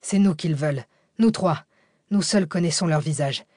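A terse young man snaps out commands in a hurry, voiced by a woman reading the story. Her register stays lowish, with a close, dry sound. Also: moderate pace, warm tone, dry recording. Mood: urgent. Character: urgent young man leading an escape.

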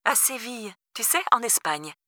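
A woman voicing a careless mother who talks in a soft, airy, offhand way. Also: on the high side, animated, normal speed, no echo, clean studio sound, voice pushed up. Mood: flippant. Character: careless mother abroad, flippant and distant.

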